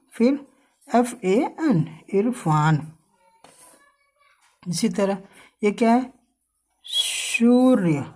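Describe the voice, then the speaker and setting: Woman teacher for a spelling lesson; slow, mellow, asks the viewer questions as she spells. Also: mid-range voice.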